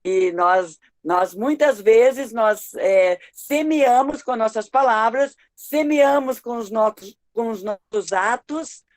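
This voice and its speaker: Slightly high woman pastor, reflective. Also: slow, hardly any pauses, a little mellow. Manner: reflective, hesitant with repeated words. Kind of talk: devotional group discussion.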